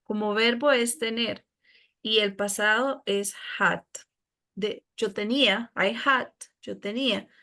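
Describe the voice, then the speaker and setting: A woman's voice: mid-range voice, steady tone, slow pace, bright, forceful tone. A woman teacher with a Costa Rican Spanish accent, explaining a lesson patiently to her students. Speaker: English teacher.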